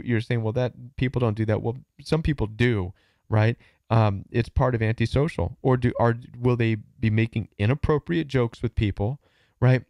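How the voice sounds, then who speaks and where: A man's voice: mid-range voice, a little mellow, no room sound. Guy coaching a caller, earnest, keeps asking you know what i mean, dry close sound. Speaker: host and coach. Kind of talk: call-in advice talk.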